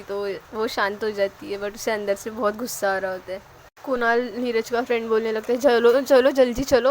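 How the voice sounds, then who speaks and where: A woman narrating a love story, voicing the characters' lines with lively energy. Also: fairly high pitch, slight background noise, rough recording.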